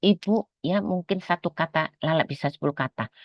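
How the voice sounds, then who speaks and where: A middle-aged woman talks straight to the listener in an earnest, aggrieved way and circles back over her points to press them home. Her voice sits at an ordinary pitch for a woman. The sound is dry and a little dull, with no room around it. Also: brisk, no room sound. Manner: earnest, aggrieved, repeats herself for emphasis. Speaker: mother recounting family troubles. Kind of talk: personal monologue to camera.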